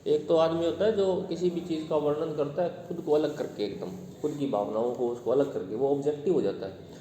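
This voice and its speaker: With a fairly quick pace and a mellow, slightly high voice, a man teaches a class, quizzing students and explaining things patiently. Slight background noise and the room's long reverb make the classroom sound echoey.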